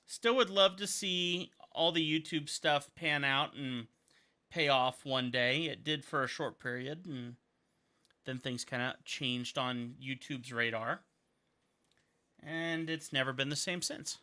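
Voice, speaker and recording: Drawing live on stream, this thirties-aged caricature artist and videographer from Montana rambles cheerfully and thinks aloud. He speaks slowly in a medium pitch, with a bright, forceful tone.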